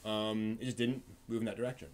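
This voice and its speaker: The anime stream host has a lowish voice with a level tone and speaks fast. He works through his thoughts casually while answering chat, with plenty of fillers and restarted phrases.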